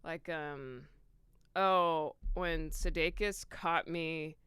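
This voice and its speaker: A woman who is a comedian and podcast guest, telling stories in an animated way with quick restarts. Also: sits low, clear, resonant tone, no room sound, studio quality. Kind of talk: casual podcast chat.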